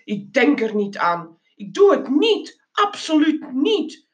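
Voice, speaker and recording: A woman voicing a flustered, fussy male mouse who gets easily exasperated, with indignant, rising high exclamations. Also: expressive, slow, full character voice.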